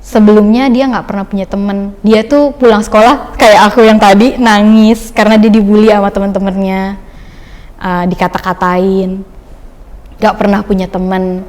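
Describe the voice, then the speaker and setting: A woman's voice: medium pitch, level tone, moderate pace, a little mellow, in a large hall. A young woman guest speaking in a chatty, loose storytelling way with many fillers, giving a casual personal testimony on a podcast.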